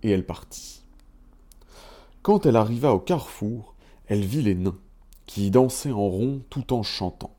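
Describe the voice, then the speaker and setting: A man reading a fairy tale aloud in a measured, even storytelling manner. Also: lowish voice.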